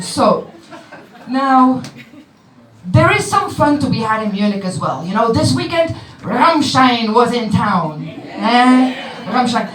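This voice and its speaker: A young Flemish woman, a native Dutch speaker, performing playful stand-up comedy and teasing the crowd in a small club. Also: high-pitched. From Belgium. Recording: roomy club sound from a distant mic. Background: crowd laughter.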